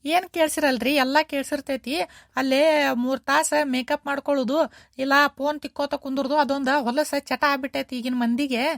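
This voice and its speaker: This woman's steady, fairly quick voice portrays a shrill, complaining older mother-in-law in a cartoon, who keeps repeating herself. She speaks with a North Karnataka Kannada accent, and the studio recording has no echo.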